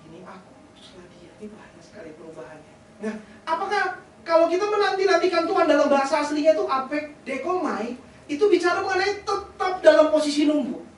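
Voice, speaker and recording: A man's voice: extremely high pitch, big pitch swings, fast talker, far from the mic. A man preaching a sermon as pastor, joking and conversational, often asking the congregation rhetorical questions. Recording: very echoey hall, voice off-mic, faint hiss.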